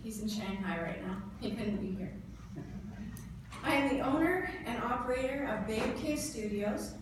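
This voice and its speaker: In a heavily reverberant room, picked up from a distance, a Canadian woman in her thirties delivers a motivational speech. Her voice sits a little high, and she tells her story earnestly in deliberate, emphatic phrases. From northern Ontario, Canada. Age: 30s. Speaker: motivational speaker. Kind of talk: prepared motivational speech to a live audience. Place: indoor event room before an audience. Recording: echoey room, distant mic, clear background noise.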